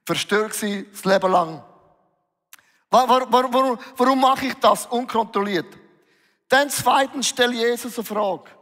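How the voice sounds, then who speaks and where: Male preacher, emotive and animated, raised pitch, recorded in a reverberant hall. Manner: lively, emotional, acts out dialogues with Jesus. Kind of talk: sermon.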